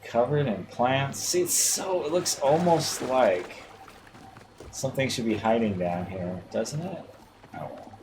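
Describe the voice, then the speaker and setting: A man's voice: medium pitch, expressive, measured pace. A man streaming a video game live, muttering and swearing casually at it as he plays. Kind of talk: casual gameplay commentary. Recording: noisy livestream audio.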